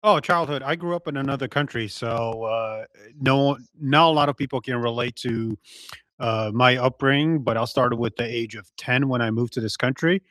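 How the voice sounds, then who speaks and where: A man in his forties, born in Poland and a native Polish speaker, thinking back in a measured, hesitant way as a podcast guest. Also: mid-range voice, fairly bright tone, no echo. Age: 40s. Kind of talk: casual interview.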